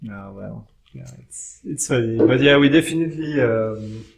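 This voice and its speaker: A man's voice: mid-range voice, normal speed, gravelly, background noise. Earnest man searching for his words. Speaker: podcast guest. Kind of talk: casual chat.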